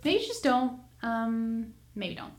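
A woman's voice: a little high, expressive, slow. A young woman co-hosting a casual true-crime podcast, full of wry asides and laughter. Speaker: podcast co-host.

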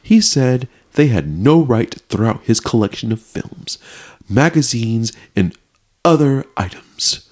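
A man's voice: mid-range voice, sing-song, a little mellow. Man reading news with dramatic flair. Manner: reads news in a put-on dramatic voice; halting, restarts often. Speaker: podcast co-host. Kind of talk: casual chat, reading a news story aloud.

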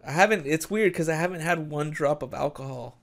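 Laid-back swearing podcast host, higher voice. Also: male voice, brisk, gravelly. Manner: laid-back, swears a lot, says dude and bro. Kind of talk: casual chat.

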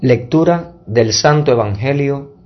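A man speaking as a priest at Mass, measured and deliberate, in solemn liturgical reading and preaching. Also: mid-range voice, lo-fi sound. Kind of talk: solemn Gospel reading and homily. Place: church Mass livestream.

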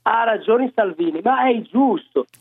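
A man calls in over a thin, tinny phone line. His voice sits high for a man. He speaks broken Italian and keeps pushing to get a word in. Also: expressive, unhurried, slightly rough. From Morocco. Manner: broken Italian, insistent, repeats the host's name to cut in. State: eating while talking. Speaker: caller. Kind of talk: call-in radio chat.

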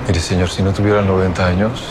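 An actor playing a quick-tempered young Mexican man in a film scene, talking rough and defensive. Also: sits low, level tone, noisy background, close to an everyday voice. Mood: defiant. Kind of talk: film drama acting.

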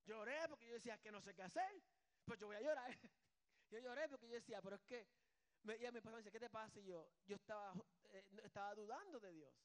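A man preaching a sermon as a pastor, in a conversational, joking way that swings between soft asides and loud, emphatic bursts. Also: high voice, quick pace.

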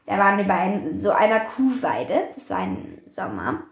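A teenage girl co-hosting a podcast, chatting and quickly interjecting to correct her friend. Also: mid-range voice, huge pitch swings, gravelly. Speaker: podcast co-host. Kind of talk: casual storytelling chat. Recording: echoey room.

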